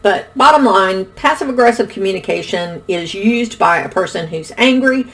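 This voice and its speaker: A middle-aged woman explaining communication styles in a calm, instructional video lesson. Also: fairly low pitch, creaky. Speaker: relationship educator.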